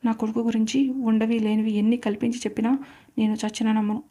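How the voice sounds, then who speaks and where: A haughty, overbearing mother, voiced by a woman narrator in a read-aloud story. She speaks in a raised, level voice that stays fairly flat and sounds soft and mellow. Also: fairly high pitch, fast, lightly acted. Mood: indignant. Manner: indignant, demanding. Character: proud, overbearing middle-aged mother.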